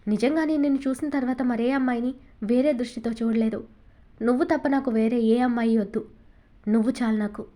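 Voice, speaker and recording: A woman voicing a devoted young man in an audiobook story, speaking gently and affectionately. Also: on the high side, fairly even intonation, fairly quick, close to an everyday voice.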